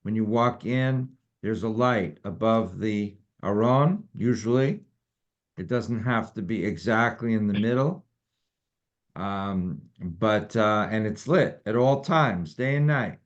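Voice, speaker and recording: Study leader, male, lower voice, relaxed rambling explainer; dull lo-fi recording. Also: slow pace. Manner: relaxed, rambling with many fillers. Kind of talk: informal teaching talk.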